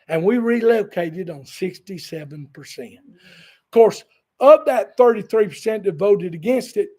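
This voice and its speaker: A pastor with a fairly high voice preaches, leaning on folksy personal stories and wry humorous asides. His delivery is easygoing and conversational. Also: animated, measured pace, warm tone. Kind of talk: sermon with storytelling.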